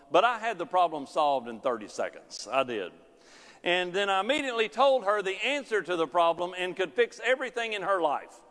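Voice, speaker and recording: Pacing the stage of a big church sanctuary, a middle-aged man preaches a sermon as his voice rises and falls sharply in both pitch and volume. The hall's long reverb trails after his words.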